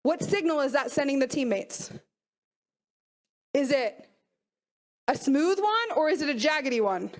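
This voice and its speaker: A woman mental performance coach giving an energetic motivational talk to a youth team, often asking the audience questions. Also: high-pitched, measured pace, long pauses.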